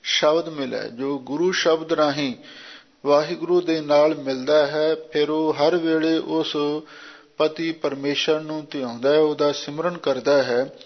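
A man's voice: a little high, fairly even intonation. Give me a muffled male scripture teacher. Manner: measured explanatory, repeating each verse line. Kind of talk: verse-by-verse scripture explanation. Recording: muffled lo-fi recording.

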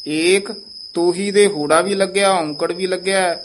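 A man teaching how to pronounce scripture, who says each phrase slowly and then explains the correction. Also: high voice, fairly even intonation, a little hiss or hum. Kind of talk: pronunciation lesson.

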